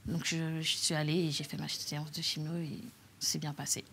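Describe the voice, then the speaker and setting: A young woman with a French accent telling her own story as a talk show guest, halting, with many fillers and restarts. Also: low-pitched, flat delivery, gravelly, fairly bright tone, breathy edge. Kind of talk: personal testimony on a talk show.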